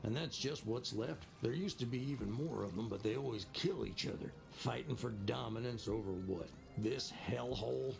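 Creaky, gloomy alien fisherman. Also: mid-range voice, moderate pace, hardly any pauses, music in the background. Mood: bitter, exasperated. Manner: morose, deadpan. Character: gloomy, despairing, sardonic alien fisherman in the slums. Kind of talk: video game character dialogue.

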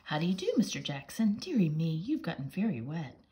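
A woman's voice: deep voice, sing-song, brisk, dark tone. An older woman voicing a fussy, prim, tidy little female mouse in a storybook, scolding and particular.

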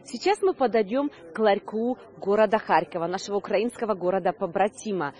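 Reporting on location at an outdoor Christmas market, a woman in her thirties presents to camera into a handheld mic, semi-scripted. Her voice is medium-pitched, brisk and a little mellow, and her delivery is slightly hesitant.

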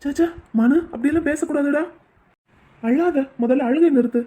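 A woman voicing a gentle, devoted young man who coaxes and comforts his wife in an amateur audio drama. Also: high-pitched, normal speed, close to an everyday voice. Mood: soothing. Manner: soothing, coaxing.

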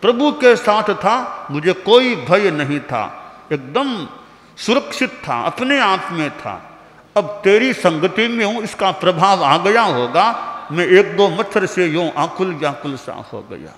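Brief: a man doing a serene old guru, slow and measured, echoing hall. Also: high-pitched, very animated, full character voice. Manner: gentle, measured explaining. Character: old male guru, calm and wise. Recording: reverberant hall.

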